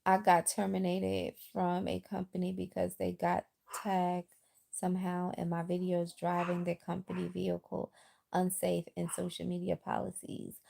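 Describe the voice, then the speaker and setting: With a lowish voice, some vocal fry, and a moderate pace, this middle-aged woman chats casually on a livestream recorded on her phone. She grew up in the Bronx but lives in the South now, and her New York accent has a Southern twang. She's lively, addresses viewers directly, and reads their comments aloud.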